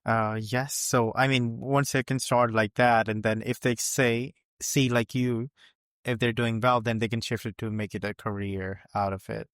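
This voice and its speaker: A male podcast host who speaks haltingly, restarting his words as he puts questions to his guest. His voice is smooth and clear at a middle pitch. It's captured dry and close over a video call. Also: little pitch movement, a bit bright, dry recording. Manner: halting, restarts, non-native phrasing. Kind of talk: interview questions.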